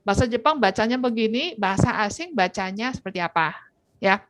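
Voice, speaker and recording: A woman's voice: a little high, expressive, a little fast, fairly bright tone, no echo. A woman lecturing on Japanese language in an informal online class, talking conversationally and tagging her sentences with "ya".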